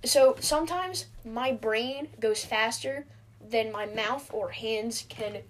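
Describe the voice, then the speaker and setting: A woman's voice: a little high, takes it slowly. A teenage girl chatting casually, rambling and stammering as her thoughts run ahead, laughing often. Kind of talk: casual chat.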